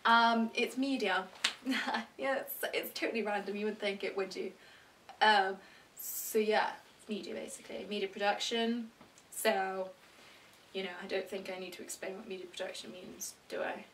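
A British teenage girl rambling and chatting to camera in a self-deprecating way, often breaking into excited squeals. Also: medium pitch, normal speed, far from the mic, a little hiss or hum. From Britain. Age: teens. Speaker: vlogger. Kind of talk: rambling casual chat to camera.

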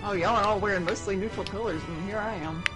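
Playful woman gamer over loud game music. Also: mid-range voice, fast talker. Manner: playful, jokingly dramatic outbursts. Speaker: online gamer streaming with friends. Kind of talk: casual gaming chat. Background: loud game music and gunfire.

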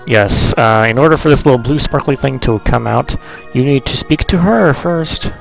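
A man's voice: medium pitch, gravelly, low-quality recording. A man giving casual, rambling, joking commentary as he plays a video game. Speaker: let's player. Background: video game music.

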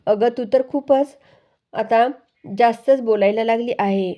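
Woman reading a fond, teasing mother; fairly high voice, muffled lo-fi sound. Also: measured pace, warm tone, lightly acted. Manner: teasing, affectionate, read out plainly. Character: teasing mother-in-law, matchmaking and amused.

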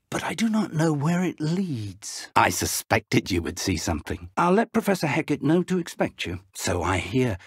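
An older male actor voices an elderly British wizard professor in scripted video game dialogue, playing an earnest, courteous mentor with measured, formal speech. His medium-pitched voice is gravelly and husky, and the performance is heavily acted. The sound is clean studio quality with no room sound.

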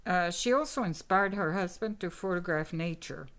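A woman's voice: on the low side, normal speed, fairly bright tone. An older woman, the host's mother, casually chatting and sharing facts about an artist's life. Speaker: podcast co-host, host's mother. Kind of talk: casual chat about art history.

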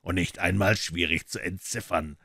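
A man voicing a calm, incisive male master detective in a measured, deliberate way. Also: deep voice, dry recording, clean studio sound, full character voice.

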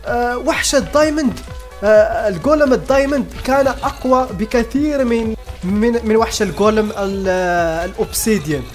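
A man giving excitable gameplay commentary as a YouTuber, often stopping and restarting his sentences. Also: high voice, a little fast, faint music behind. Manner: excitable, many restarts and fillers. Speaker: gaming YouTuber.

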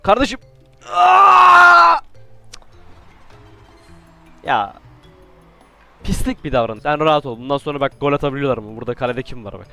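A man giving casual, joking commentary while playing a game, with sudden excited outbursts and playful trash talk. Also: mid-range voice, fast, soft background music. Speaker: gaming YouTuber.

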